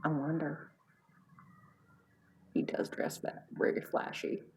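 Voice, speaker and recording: A woman voicing a nosy gossiping wife who pesters her husband, dropping to hushed whispers and then bursting out loud. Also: sits low, little pitch movement, takes it slowly, breathy edge, full character voice, poor audio. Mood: gossipy.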